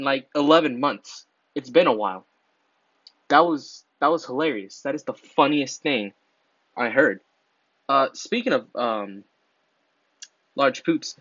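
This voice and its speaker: A man's voice: mid-range voice, fairly bright tone, no echo, highs cut off. A teenage boy vlogging casually, crude and rambling, laughing mid-sentence and stumbling over his words. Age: teens.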